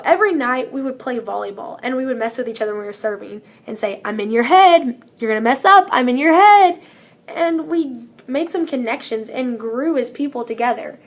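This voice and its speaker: A woman's voice: a little high, creaky. A teenage girl gives an earnest, upbeat prepared speech as a student speaker, reading from a script. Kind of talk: prepared speech read aloud.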